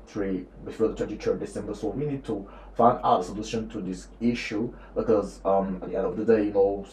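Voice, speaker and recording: A man imitating a young classmate speaking halting English in a British accent. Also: lowish voice, a little mellow, a little hiss or hum, close to an everyday voice. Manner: halting, filler-laden English. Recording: roomy echo, faint ambience.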